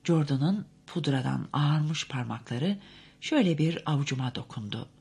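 A woman narrating a novel as an audiobook, measured and expressive. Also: low-pitched, gravelly, breathy edge.

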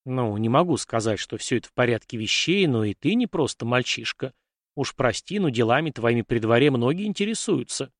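A man voicing a patient middle-aged gentleman uncle who explains things carefully, in a storybook reading. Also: on the high side, expressive, fairly quick, dry recording, studio quality, voice pushed up, close to an everyday voice. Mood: explaining.

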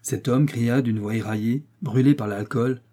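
A man narrating a classic novel as an audiobook in a measured, expressive way. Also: mid-range voice, slightly rough.

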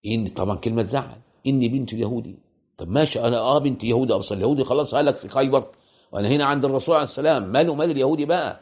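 A man's voice: mid-range voice, rapid-fire, darkish tone. A man with an Egyptian Arabic accent giving a colloquial religious lecture, asking rhetorical questions and repeating points for emphasis. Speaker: preacher.

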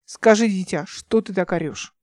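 An ironic man drawls teasing remarks, as a woman reading plays him. The voice is a little lower than her narration and dry. It stays mocking and easy. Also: normal speed, darkish tone, no room sound, natural voice.

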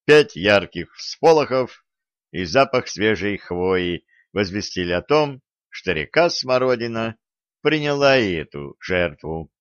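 A man narrates a story in a measured, unhurried reading with a low voice. The recording is dull and dry, with no room sound. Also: very animated, no echo. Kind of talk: audiobook narration.

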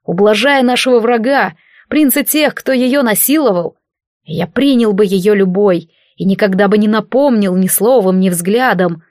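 A woman's voice: mid-range voice, normal speed, darkish tone, no room sound, clean studio sound, natural voice. A woman reading the lines of a proud, bitter male ambassador, cold and clipped in an audiobook. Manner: cold, clipped, spitting words.

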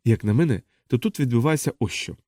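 A calm, curious expedition doctor explains what he has worked out in a steady, mellow voice, read by a man narrating an audiobook. The sound is dry and close. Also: medium pitch, fast talker, dry recording, natural voice.

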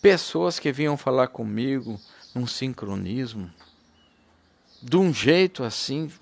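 In a medium-pitched, creaky voice, a man preaches an informal, impassioned sermon, swinging between loud and hushed. He calls his listeners brothers and laughs between points.

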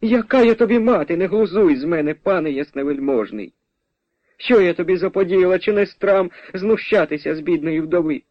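A man's voice: high-pitched, normal speed, no echo, pitched above the performer's own voice. A man voicing a stubborn old peasant widow who scolds and refuses to believe, in a dull, dry radio recording. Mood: scolding. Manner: scolding, disbelieving, sharp-tongued.

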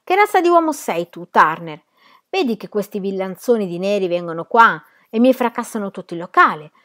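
A woman's voice: very animated, a little fast, fairly bright tone. A woman reading a novel aloud, voicing an indignant diner owner who scolds her husband. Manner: scolding, shrill.

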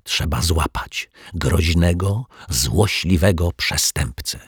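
A man's voice: deep voice, slow pace, breathy edge, no echo, clean studio sound, heavily acted. A man doing a small worried boy. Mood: anxious whisper. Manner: whispering anxiously, then shouting.

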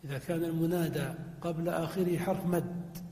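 A man teaching classical Arabic grammar, reading out example phrases slowly and deliberately. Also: fairly high pitch, fairly even intonation, mellow, echoey room, long reverb tail. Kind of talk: explaining a classical grammar text.

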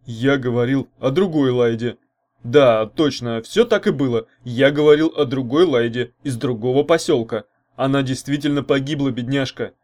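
A man's voice: mid-range voice, moderate pace, darkish tone, lightly acted. A man reading an audiobook, playing a slippery young man, a liar and thief, who talks defensively and flustered.

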